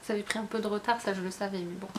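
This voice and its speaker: A woman's voice: medium pitch, steady tone, racing, a little mellow, slight background noise. A woman chatting casually, rambling with many fillers and restarts. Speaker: book vlogger. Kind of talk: casual chat.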